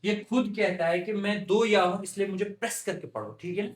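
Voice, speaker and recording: A man teaches a recitation class in a fairly high voice. He drills each word again and again at a patient pace, and his voice rings in an echoey room. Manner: patient, repeats words slowly to drill pronunciation.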